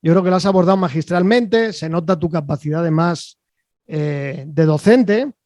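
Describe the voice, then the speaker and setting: A man hosting an online interview over a video call, chatty and rambling, filling pauses with "eh" and checking in with "¿vale?". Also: a little high, a little mellow, no room sound, studio quality. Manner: chatty, rambling, with frequent fillers and "¿vale?" tags. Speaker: host.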